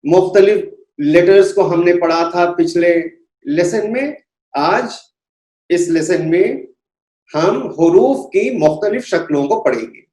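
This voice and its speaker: A man teaching Quran pronunciation in a slow lesson, saying each letter sound over and over with care. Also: high-pitched, darkish tone. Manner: deliberate, repeats each letter sound several times. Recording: echoey room.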